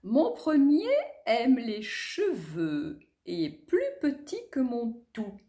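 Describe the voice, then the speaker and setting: A woman's voice: fairly high pitch, huge pitch swings, slow pace, vocal fry, a little mellow, full character voice. Castor, a woman playing a teasing twin boy. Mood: sing-song. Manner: teasing, sing-song riddling. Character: playful young twin boy, almost a teen.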